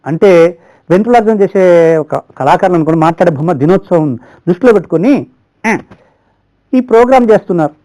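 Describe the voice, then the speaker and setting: A ventriloquist plays the straight man in his own act, patiently questioning his puppet. His fairly high voice rises and falls a lot. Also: expressive, fairly quick, pauses often, mellow, highs cut off.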